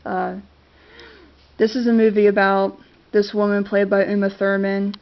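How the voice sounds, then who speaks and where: Unhurried and completely flat, this woman's medium-pitched voice carries a casual movie review to her camera while she nurses a cold. She hesitates often, using many fillers and restarts. Dull lo-fi camera sound.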